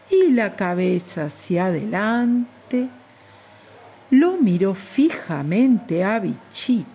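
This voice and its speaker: A woman's voice: medium pitch, mellow, husky. A woman narrating a children's story expressively and speaking directly to her young listeners.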